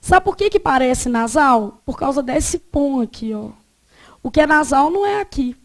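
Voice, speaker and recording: A woman's voice: high voice, lively intonation, moderate pace. A woman teaching a grammar lesson, asking the class questions and answering them herself.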